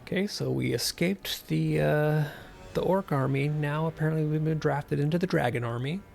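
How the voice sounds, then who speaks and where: Male game streamer, casual and wry, some vocal fry, light music underneath. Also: fairly high pitch, moderate pace, darkish tone. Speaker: gaming streamer.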